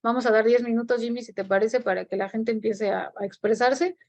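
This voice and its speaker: A woman's voice: a little high, steady tone, fairly quick, darkish tone. A woman giving an online talk on parenting, explaining and often checking in with listeners. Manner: explanatory, frequent rhetorical checks. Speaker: speaker on parenting. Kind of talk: webinar talk. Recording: muffled lo-fi audio.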